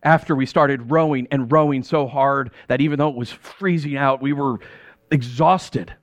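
A man's voice: medium pitch, normal speed, dry recording. Man preaching in character, dramatic monologue. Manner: storytelling in character, swinging from hushed to exasperated. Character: the apostle Peter telling his own story. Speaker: pastor. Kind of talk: dramatic first-person sermon.

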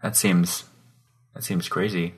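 A man's voice: sits low, level tone, takes it slowly, breathy edge. A Canadian man co-hosting a podcast in casual chat, laid-back and laughing as he searches for his words. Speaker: podcast co-host.

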